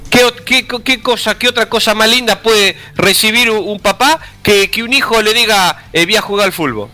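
High bright hot-tempered Argentine man. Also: normal speed, soft background music. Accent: Argentine Spanish. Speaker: comedy sketch panelist. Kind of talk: comic sketch arguing.

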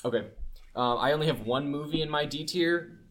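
A man's voice: fairly high pitch, brisk, a bit bright. A young man co-hosting a podcast, chatting casually and often trailing off mid-sentence. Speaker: podcast co-host. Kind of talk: casual chat.

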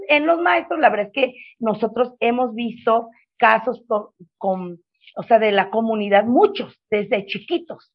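A middle-aged woman telling her story as a mother, earnest and emotional, looping back with many fillers. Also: a little high. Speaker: mother sharing her testimony. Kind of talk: heartfelt personal storytelling. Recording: dull lo-fi sound.

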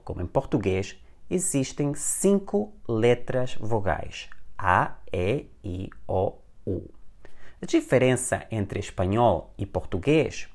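Slow, patient male language teacher. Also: medium pitch, a little mellow. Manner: patient, repeats example words slowly and clearly. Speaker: Spanish teacher. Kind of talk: explanatory language lesson.

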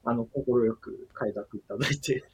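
A man's voice: medium pitch, moderate pace, breathy edge. A man who is a book author guest, speaking politely and hesitantly on a livestream with many fillers. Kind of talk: casual livestream chat.

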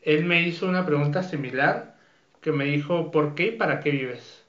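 A man's voice: on the high side, normal speed, a bit bright. A man hosting a podcast interview, hesitant and agreeable, with many fillers. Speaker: podcast host. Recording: echoey, dull lo-fi room.

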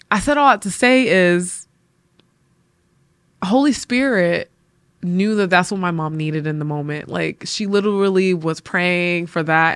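A woman hosting a podcast, telling a personal faith story in an animated, laughing way and acting out the people she quotes. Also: on the low side, dry recording. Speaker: podcast host.

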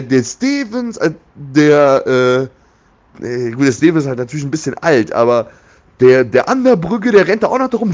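A man's voice: fairly high pitch, a little mellow. A man chatting casually about football as an opinionated fan, with a blunt, slangy, exasperated way of griping.

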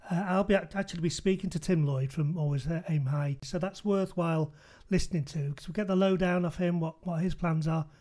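In a relaxed, casual podcast chat, a talkative male host with a fairly high voice speaks in a mellow, soft-edged tone. He moves briskly with few pauses and keeps throwing tag questions back at his guest.

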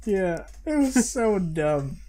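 A young man co-hosting a podcast in casual, excitable chat, swearing freely. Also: sits high, slow. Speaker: podcast co-host.

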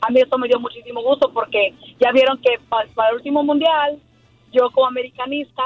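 A woman calling in to a sports radio show, hoarse from yelling, chatting casually as a fan. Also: high voice, fairly even intonation, fast talker, no echo. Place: on a phone call to a radio show. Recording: dull band-limited phone line, music behind.

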